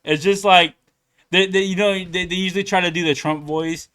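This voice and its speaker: A man's voice: high voice, fairly even intonation, a little fast, a bit bright, clean tone. A young man hosting a reaction channel, rambling casually with many fillers and laughs. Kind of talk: casual commentary.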